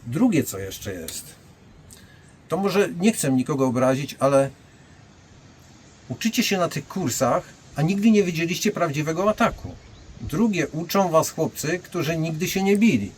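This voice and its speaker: Brief: older martial arts master, blunt storyteller, slightly high voice, faint background noise. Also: male voice, animated, moderate pace. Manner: blunt, anecdotal, addresses listeners directly. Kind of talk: storytelling monologue.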